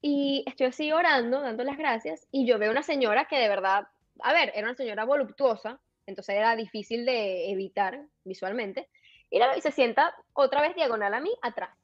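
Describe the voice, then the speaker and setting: A high-pitched woman tells a story in a lively, filler-heavy way on a podcast. The sound is dry and close, and the audio is a little dull and lo-fi. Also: a little fast, dry recording. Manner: animated, filler-heavy retelling with many "o sea". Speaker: podcast guest. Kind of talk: casual storytelling interview.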